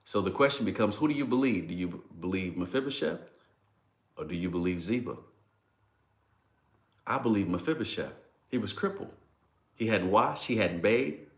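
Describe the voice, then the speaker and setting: A man's voice: fairly low pitch, animated, normal speed, long pauses. A man preaching a devotional sermon, acting out scripture dialogue and breaking into emotional exclamations. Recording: roomy echo.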